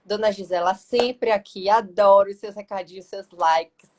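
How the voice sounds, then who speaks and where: Her voice sits at medium pitch with fairly even intonation and a moderate pace, over slight background noise. This lawyer and mentor, Bahian Brazilian in accent, hosts a relaxed live-stream interview, talking warmly and at length in meandering sentences.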